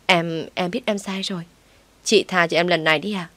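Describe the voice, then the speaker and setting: A woman's voice: lowish voice, fairly even intonation, moderate pace, a bit bright, dry recording, close to an everyday voice. A woman voicing a frightened young mistress who stammers and pleads for mercy. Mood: begging.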